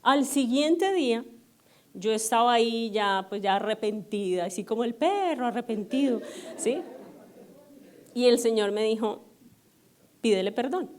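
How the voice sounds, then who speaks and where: A middle-aged woman pastor, telling personal stories to her congregation in an animated, self-mocking way and checking in with the audience often. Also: a little high, measured pace, long pauses. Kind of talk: storytelling sermon to a congregation. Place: church service.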